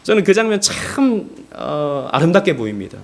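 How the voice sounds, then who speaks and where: A man's voice: fairly high pitch, normal speed. A male pastor preaching a Sunday sermon, telling stories with animation and speaking directly to his congregation. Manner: animated storytelling, acting out quoted speech.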